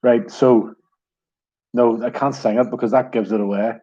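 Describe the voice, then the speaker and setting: A man's voice: mid-range voice, fairly even intonation, moderate pace, warm tone, husky, highs cut off. A man hosting an online pub quiz in a wry, self-deprecating way.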